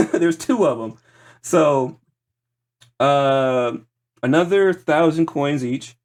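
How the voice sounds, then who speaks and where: Halting man running a tabletop game. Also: a little high, lively intonation. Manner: halting, piecemeal narration. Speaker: game master. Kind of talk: narrating a tabletop roleplaying game.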